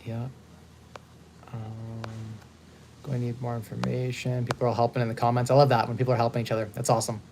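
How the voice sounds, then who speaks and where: A man in his thirties hosting a casual live stream, upbeat and talking in quick bursts with frequent restarts. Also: medium pitch, monotone, noisy background. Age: 30s. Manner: fast-talking, upbeat, repeats and restarts words. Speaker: host. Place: hotel.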